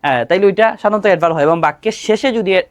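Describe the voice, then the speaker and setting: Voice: medium pitch, quick pace. An exam-prep grammar teacher, who asks students questions and answers them straight away. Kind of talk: exam-prep lesson explaining grammar rules.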